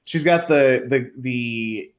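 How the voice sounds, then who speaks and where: A man's voice: medium pitch, slow, reverberant. A man co-hosting a casual livestream chat, offhand and mocking in tone. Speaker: co-host.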